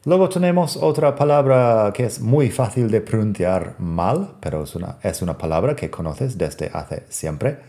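A man's voice: lowish voice, lively intonation, moderate pace, few pauses, warm tone. A man teaching English pronunciation in a podcast lesson. He is a native English speaker and repeats each English word to model how it sounds.

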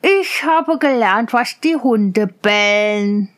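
A woman voicing a simple, naive young son who answers slowly and earnestly in a fairy tale reading. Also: on the high side, animated.

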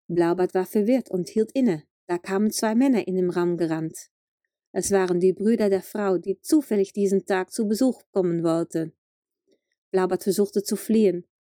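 A woman reading a fairy tale for children aloud in a calm, clear storytelling manner. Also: mid-range voice, no room sound, clean studio sound.

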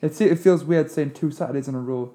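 Mumbling man, mellow. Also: on the high side, brisk. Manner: mumbling, relaxed. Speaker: wedding photographer, podcast co-host. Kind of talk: casual chat.

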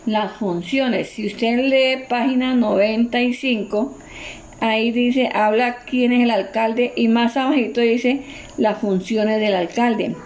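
A woman teacher with a Colombian accent talks through a student's homework in a recorded voice message. Her pitch sits in the middle, and she stays patient and explanatory, often restarting and rephrasing so each correction is clear. A faint hiss runs underneath. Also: darkish tone. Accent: Colombian Spanish. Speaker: schoolteacher.

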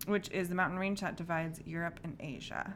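A woman's voice: on the low side, brisk, a little hiss or hum. A woman co-hosting a podcast in casual chat, laughing often as she tells a mystery story. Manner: giggly, animated, storytelling. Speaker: podcast co-host.

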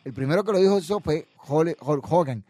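Fairly high-voiced man, brash podcast wrestling pundit, dry close sound. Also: animated, fairly quick, mellow, dry recording. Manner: brash, mocking, reads viewer comments aloud. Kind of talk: casual opinionated commentary.

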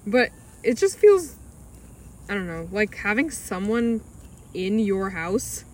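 A young woman from Alaska in casual chat on a podcast, giggly and halting as she talks. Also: medium pitch, sing-song, darkish tone, slight background noise.

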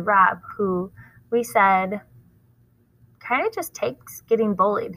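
A woman's voice: mid-range voice, sharp tone, no echo, low-quality recording. A woman teacher reading a novel aloud to her class and stopping to explain it in plain, casual words.

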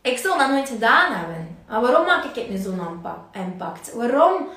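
A woman with a Flemish accent giving an energetic motivational livestream talk, acting out inner voices. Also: fairly high pitch, moderate pace. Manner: energetic, acts out inner voices, laughs often. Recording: very echoey room, mic at a distance.

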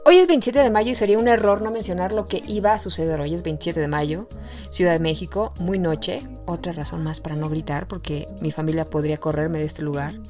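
A woman's voice: fairly low pitch, steady tone, brisk, faint music behind. A woman with a Mexican accent hosting a podcast in a casual, chatty monologue, recorded at home late at night. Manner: chatty and conversational, shifting between loud and soft. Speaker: podcast host.

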